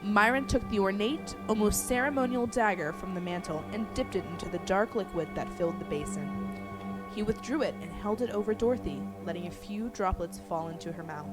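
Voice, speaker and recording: A woman storyteller narrating a horror story in a suspenseful way, growing hushed at tense moments. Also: medium pitch, a little fast. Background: music.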